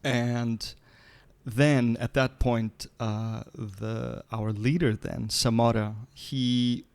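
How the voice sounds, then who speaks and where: A man's voice: medium pitch, fairly even intonation, drawn-out words, vocal fry, darkish tone, smooth. A man in his forties, born in Portugal and raised in Mozambique, telling his story in a chatty, playful podcast interview. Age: 40s. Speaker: guest musician.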